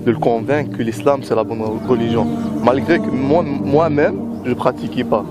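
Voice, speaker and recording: A man's voice: mid-range voice, steady tone, moderate pace, loud music behind the voice. A man from Algeria giving a personal testimony in an interview, talking hesitantly and often repeating words while he looks for his phrasing.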